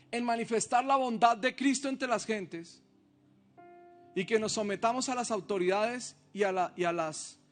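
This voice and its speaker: A man's voice: high voice, a bit bright. A male pastor preaching a sermon, reading scripture aloud and asking the congregation rhetorical questions.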